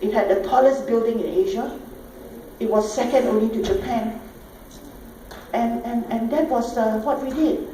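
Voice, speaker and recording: Recorded from a distance in an echoey conference hall with faint background noise, a middle-aged speaker from Singapore delivers an emphatic talk in her Singaporean accent, peppered with rhetorical questions and "all right?" checks. Her slightly high, dark-toned voice moves at a moderate pace with many pauses.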